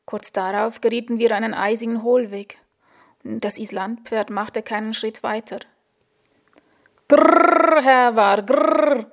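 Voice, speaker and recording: A woman reading her own first-person story aloud in a dry, deadpan way, sometimes correcting herself. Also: fairly high pitch. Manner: dry, deadpan humour, occasional self-corrections.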